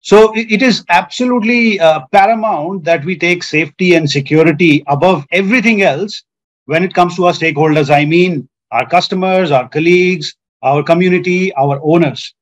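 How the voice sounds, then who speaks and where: A man's voice: sits high, normal speed. A man, a panel guest who speaks earnestly and sets out his points in order. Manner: earnest, structured, lists points. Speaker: hotel general manager, panel guest. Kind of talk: panel discussion.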